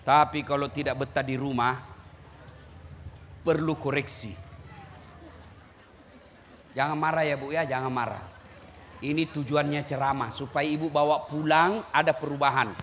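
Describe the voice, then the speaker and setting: A man preaching a lively sermon, teasing and shouting at the crowd. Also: a little high, normal speed, long pauses, a little hiss or hum. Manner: teasing, shouting and singing to the audience. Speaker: Islamic preacher. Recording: echoey hall with faint ambience.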